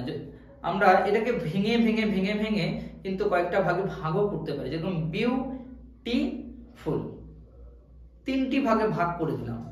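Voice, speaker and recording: A man giving a spoken lesson, slow and repetitive, often pausing with "ah" fillers. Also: sits high, very echoey, recorded from a distance, rough recording. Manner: slow, repeats words, frequent "ah" fillers. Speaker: teacher. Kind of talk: explanatory lesson.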